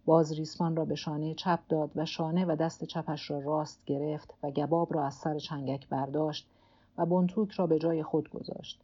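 A woman reads a novel aloud in a calm, measured way, her voice low-pitched and mellow. The recording is a bit dull and lo-fi, with the top end muffled. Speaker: audiobook narrator. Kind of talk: scripted literary narration.

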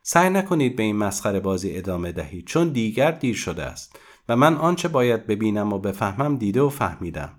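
A man reading a story aloud and voicing a calm, gentle, polite woman detective in his own near-natural voice. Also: fairly low pitch.

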